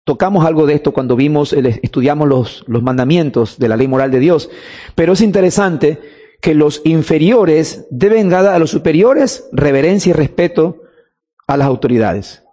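High-voiced preacher man in a hall. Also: animated, normal speed, warm tone. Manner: emphatic, stretches key words, asks rhetorical questions. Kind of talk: sermon.

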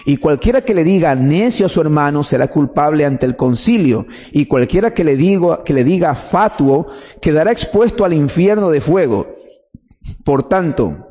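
A man's voice: on the high side, lively intonation, moderate pace, mellow, long reverb tail. A man preaching a teaching sermon, explaining step by step and answering his own questions.

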